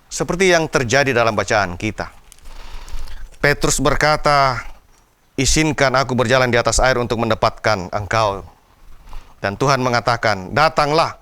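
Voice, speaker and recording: A man's voice: mid-range voice, moderate pace, pauses often, sharp tone, smooth, no room sound. A man preaching a devotional sermon in an earnest way, with an Indonesian accent, raising his voice when he cries out to God. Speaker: pastor.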